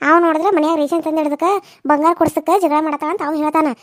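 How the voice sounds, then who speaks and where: A blunt, fiery older village aunt from a cartoon serial, as a woman puts her on. She talks fast and forcefully with a North Karnataka Kannada accent and scolds in an indignant tone. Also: high-pitched, level tone, dry recording, studio quality, close to an everyday voice. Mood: scolding.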